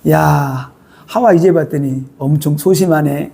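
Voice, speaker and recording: A preacher voicing Satan as a tempter who speaks softly and keeps urging someone to give in. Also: medium pitch, unhurried, gravelly, breathy edge, pitched below the performer's own voice. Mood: coaxing. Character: coaxing tempter Satan speaking through the serpent.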